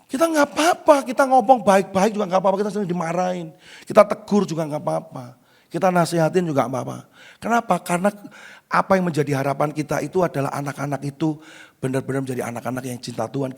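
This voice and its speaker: A man pastor preaching a sermon in a church, asking the congregation questions and swinging from loud calls to hushed asides. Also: fairly high pitch.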